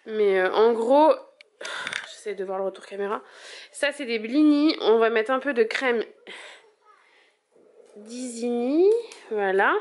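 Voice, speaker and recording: A woman's voice: on the high side, unhurried, pauses often, a little mellow. A woman vlogging in a casual, chatty way, full of fillers and little restarts. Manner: chatty, filler-heavy, lots of "voilà". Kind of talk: casual vlog chat.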